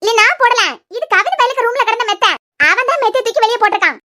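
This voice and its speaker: A woman voicing a sharp-tongued old grandmother who dotes on her grandson, in a cartoon. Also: very high voice, voice pushed up. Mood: scolding. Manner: scolding, proud and quick. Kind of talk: cartoon voice acting.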